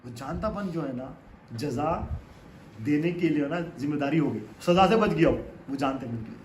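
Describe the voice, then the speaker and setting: Man, preacher, high voice, rhetorical questions, emphatic rises, reverberant room, faint background hum. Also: lively intonation, darkish tone. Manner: storytelling, rhetorical questions, rising to emphatic peaks. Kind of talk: Urdu religious sermon.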